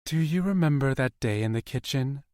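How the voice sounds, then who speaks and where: A man's voice: medium pitch, animated, moderate pace, a little mellow, no echo, studio quality, voice pushed up, lightly acted. A man voicing a young male shifter, speaking in a lighter, lifted voice, fond and playful.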